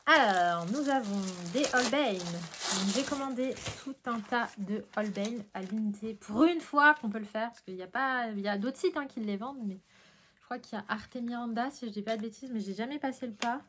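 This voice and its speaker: French woman vlogger, casual and excitable, a bit sniffly, faint room noise. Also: a little high, normal speed. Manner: chatty, excitable, frequent fillers and sniffing. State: sniffly, ticklish nose. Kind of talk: casual unboxing chat.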